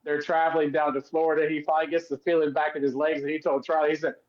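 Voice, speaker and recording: This podcast co-host, a former wrestler, speaks quickly in a fairly high-pitched male voice on a lo-fi recording. He tells stories in casual conversation, animatedly acting out the voices of the people he quotes.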